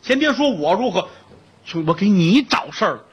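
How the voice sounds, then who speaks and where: A man's voice: high-pitched, big pitch swings, a little fast, husky, pitched above the performer's own voice, exaggerated voice. A man voicing a troubled, earnest middle-aged male outlaw in a spoken storytelling piece.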